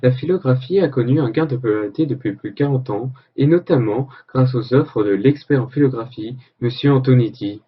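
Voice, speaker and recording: A man's voice: mid-range voice, brisk, few pauses, breathy edge, muffled recording, close to an everyday voice. A man playing an earnest TV reporter, reading scripted narration for a parody news report.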